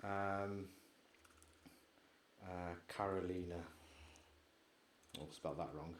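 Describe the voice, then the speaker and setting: A man co-hosting a podcast, chatting excitably and rambling, trailing off into mumbles while he searches. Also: sits low, slow, slight background noise. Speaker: podcast co-host. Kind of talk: casual chat.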